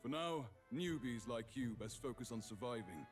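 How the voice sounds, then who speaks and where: Actor as weary, animated army recruiting officer. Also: male voice, medium pitch, moderate pace, soft background music, close to an everyday voice. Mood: weary instruction. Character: weary male army recruitment officer, businesslike, easily startled. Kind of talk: video game voice acting.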